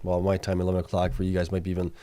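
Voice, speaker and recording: On a late-night livestream, a man with a mellow, low voice races through financial results and viewer chat questions in a completely flat delivery, reading the questions aloud. His casual thinking-aloud is full of fillers and self-corrections, his voice is beginning to fail, and the recording has no echo.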